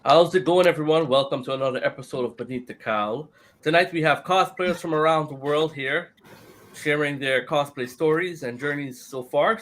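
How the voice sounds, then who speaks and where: A man from Guyana with a somewhat high, slightly bright voice hosts a podcast over a video call. It's a casual group chat, and he stays upbeat, chuckling between turns.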